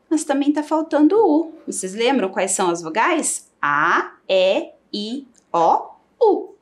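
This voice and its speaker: A woman with a Brazilian Portuguese accent teaching a televised primary school lesson, sounding out syllables for children. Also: on the high side. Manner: slow, lively, sings out syllables for children.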